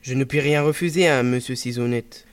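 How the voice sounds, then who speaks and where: A man's voice: medium pitch, brisk, dry recording, lightly acted. A man playing a proud, guarded bandit in a read-aloud drama, terse and clipped. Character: proud male bandit traveler, guarded and brusque. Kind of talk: audiobook drama role.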